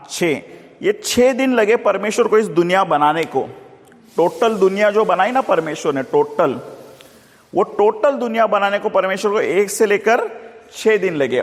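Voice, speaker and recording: Male Bible teacher, Mumbai Hindi accent, slightly high voice, chatty and playful, asks for responses; reverberant church hall. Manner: chatty, jokey, calls for congregation responses. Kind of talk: sermon teaching.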